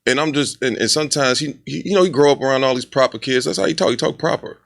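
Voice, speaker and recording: A man in his thirties co-hosting a casual podcast chat, blunt and animated as he tells stories. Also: medium pitch, quick pace, slight background noise. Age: 30s. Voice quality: gravelly. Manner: blunt, animated storytelling with acted quotes. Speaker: podcast co-host.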